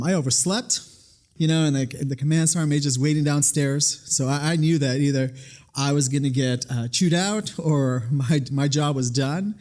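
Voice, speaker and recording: A man's voice: on the high side, a little mellow. A middle-aged man from the Bronx, New York, giving conversational interview answers as a military guest. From Bronx, New York, USA. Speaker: guest, Air National Guard first sergeant.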